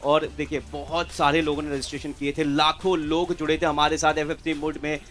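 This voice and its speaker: A man co-casting a live esports final, excited and building drama around the teams and prize money. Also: on the high side, a little fast, faint music behind. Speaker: esports co-caster. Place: live arena event.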